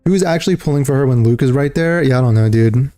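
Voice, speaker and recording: A man's voice: mid-range voice, quick pace, mellow, soft background music. A young man streaming a game and chatting casually, rambling with lots of fillers and calling people dude and bro. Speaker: livestreamer. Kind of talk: casual gaming chat.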